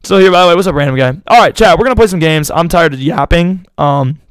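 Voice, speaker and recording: A man's voice: on the high side, fast talker, smooth, no echo. Slangy young male streamer, worn voice. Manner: rambling, slangy, talks straight to chat. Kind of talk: casual live-stream chat.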